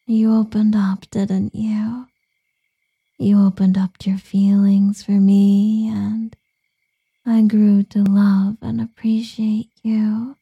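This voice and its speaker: A doting female succubus, as a woman performs her murmurs and whispers to her lover in a breathy, husky voice. Her tone is dark and mellow, and she takes everything very slowly. The recording is dry and a little dull. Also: mid-range voice, no room sound, exaggerated voice. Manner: soft whispering, cooing pet names. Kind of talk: ASMR roleplay.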